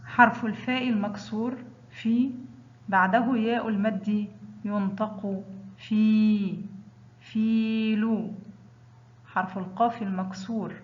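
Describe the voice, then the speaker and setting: Slow, deliberate Arabic phonics teacher. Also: mid-range voice, fairly even intonation, roomy sound, muffled recording. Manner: drawn-out example words after brisk letter rules. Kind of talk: slow recited phonics lesson.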